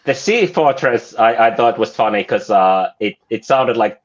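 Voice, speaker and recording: A man's voice: mid-range voice, expressive. Finnish guy on a video call, muffled sound, keeps restarting his words. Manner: halting, repeats words. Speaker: guest. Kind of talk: casual video call chat. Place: sauna.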